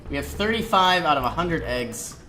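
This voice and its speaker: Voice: mid-range voice, animated, normal speed, pushed and bright. A person giving casual walkthrough commentary while playing a strategy game. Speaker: gameplay commentator. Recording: noisy, game sound behind voice. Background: strategy game sounds.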